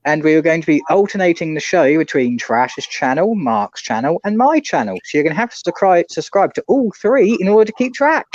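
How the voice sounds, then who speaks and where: An upbeat man greets his stream chat and laughs often. His voice sits high and swings widely, and the audio is dry and dull. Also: sing-song, a little fast, hardly any pauses, no echo. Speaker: co-host of a watch-along stream. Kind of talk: casual live-stream chat.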